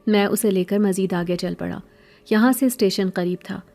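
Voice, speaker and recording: A woman telling a scripted horror story in steady, even narration. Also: mid-range voice, creaky, soft background music.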